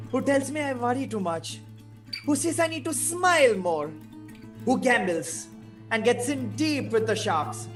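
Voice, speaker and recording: A man playing a manic, menacing criminal clown in a live table read, taunting with drawn-out words and cackles. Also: sits high, fairly bright tone. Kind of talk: theatrical table-read acting.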